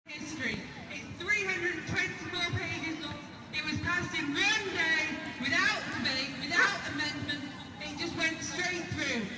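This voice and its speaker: A woman rallying a protest crowd with forceful, urgent demands, her very high voice heard from far off in an echoey outdoor square. A loud crowd and music play behind her. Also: a little slow. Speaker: campaign organiser at a rally. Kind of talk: public protest speech. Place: outdoor square before a large stone building.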